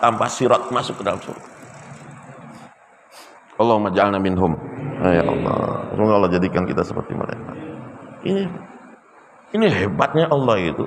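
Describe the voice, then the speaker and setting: A man preaching a sermon in a fairly high voice, shifting into animated storytelling. Long reverb from a large hall trails his words. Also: creaky, slight background noise. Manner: animated storytelling with acted quotes.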